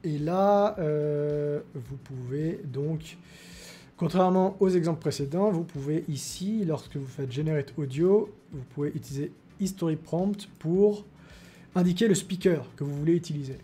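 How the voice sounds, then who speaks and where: A man hosting a tech video in a casual demo style, pausing often with filler words. His voice is slightly high but mellow, and faint music runs underneath. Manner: explanatory, many fillers.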